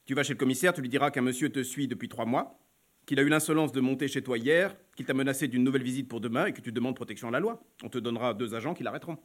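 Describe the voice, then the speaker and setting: A man reading aloud, voicing a worldly young marquise who gives calm, dry advice. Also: medium pitch, racing, voice pushed down, close to an everyday voice. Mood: scheming. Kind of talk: audiobook reading.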